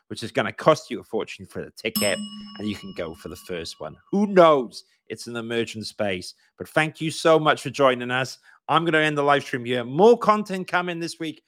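A man's voice: fairly low pitch, a bit bright, no room sound. A man with a Welsh accent hosting a live-stream interview, upbeat and chatty as he wraps up and thanks his guest. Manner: upbeat, spells out web addresses slowly. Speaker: host.

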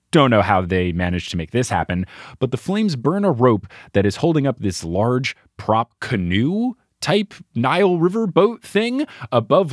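A man's voice: mid-range voice, dry recording, clean studio sound. A man hosting a podcast, recapping a cartoon episode in a wry, chatty way. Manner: chatty, wry storyteller, keeps score. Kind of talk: casual chat.

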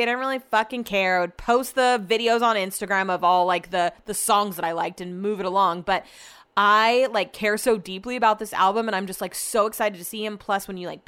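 A woman's voice: mid-range voice, fairly bright tone, clean tone. A woman podcast host chatting casually on her own in a bubbly, gushing sorority-girl manner, rambling and sidetracked, with girly slang and lots of emphasis. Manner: rambling, sidetracked valley-girl-like talk heavy on "like". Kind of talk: casual solo podcast chat.

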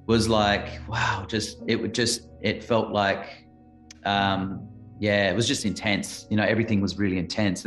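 An Australian musician in his late thirties, talking reflectively in a rambling interview with many restarts. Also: lowish voice. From Adelaide, South Australia. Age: late 30s. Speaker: musician guest. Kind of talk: casual interview chat.

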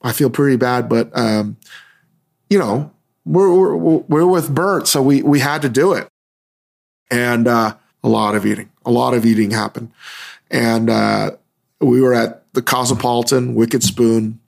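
Male podcast host, hungover, gravelly fry in a mid-pitched voice, rambling casually and musing as he goes. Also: unhurried.

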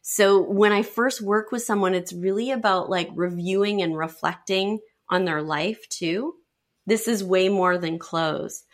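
A woman speaking as a wardrobe stylist on an interview show. Her voice sits at an everyday middle pitch. She tells her story with energy and acts out the lines of the people in it. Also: unhurried. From lives in Sarasota, Florida. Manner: lively storyteller who acts out quoted speech.

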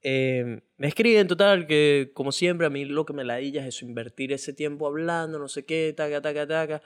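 Hombre joven, acento venezolano, voz algo aguda, charla de podcast, animado, coloquial. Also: male voice, fairly high pitch, moderate pace, smooth. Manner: animated storytelling, crude slang, acts out quotes. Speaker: podcast co-host. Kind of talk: casual chat.

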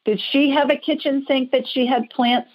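On dull lo-fi audio, an American-accented woman works as a psychic call-in reader and show host, chatting with callers informally and reassuringly. Her high-pitched voice is husky, with fairly even intonation at a normal speed.

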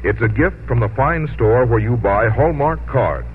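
An American man announces on 1950s radio, reading a sponsor message in a folksy, friendly sales style. His medium-pitched voice is expressive and moves at a moderate pace. The vintage broadcast sounds tinny with light noise.

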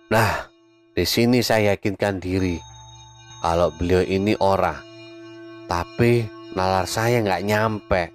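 A man's voice: low-pitched, smooth. A man narrating a ghost story casually, talking straight to his listeners. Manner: chatty, addresses listeners directly. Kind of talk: casual horror podcast storytelling.

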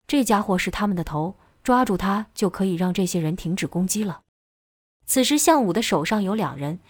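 A woman narrating a novel as an audiobook, telling the story in a steady way. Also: medium pitch, no echo, clean studio sound.

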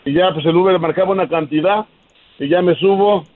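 Fast caller on a tinny phone line. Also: male voice, sits high, no echo. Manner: quick, rambling, restarts often. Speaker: radio caller. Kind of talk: phone-in storytelling.

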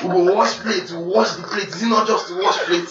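A man voicing his excited young friend, pleading in pidgin and repeating himself. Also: high-pitched, brisk, noisy background, voice pushed up, close to an everyday voice. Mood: eager. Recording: roomy, slightly dull podcast recording.

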